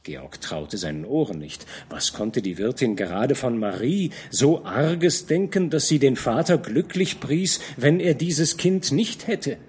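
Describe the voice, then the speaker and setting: Male audiobook narrator, husky voice with lively pitch, measured expressive storytelling. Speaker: audiobook reader. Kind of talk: scripted narration of a classic novel.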